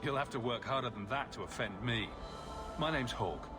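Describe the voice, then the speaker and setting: A man's voice: medium pitch, normal speed, over music, natural voice. An actor playing a wry, self-assured human adventurer man with a flippant, probing manner in video game dialogue. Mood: wry, joking.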